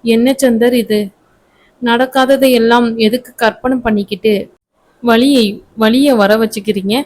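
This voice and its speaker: Brief: gentle, soothing young wife in a read-aloud romance, as the narrator voices her, unhurried. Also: fairly high pitch, fairly even intonation, lightly acted. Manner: soft, reassuring.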